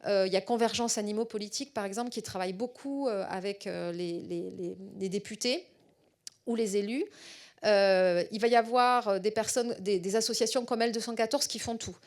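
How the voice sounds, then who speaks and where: A middle-aged woman researcher giving a public lecture in a southwestern French accent. She speaks at a medium pitch for a woman. Her talk keeps stopping on fillers and repeated little words as she searches for the next phrase. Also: a little fast, a little mellow.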